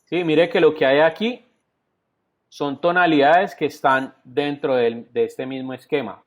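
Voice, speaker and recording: A man's voice: on the high side, fairly even intonation, a little slow. A man with a Colombian Spanish accent teaching a virtual class, explaining step by step and often checking in with the students. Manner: explanatory, frequent "entonces" and checks like "¿sí?". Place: home or office, video call. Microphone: computer mic on video call. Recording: dull lo-fi online class audio.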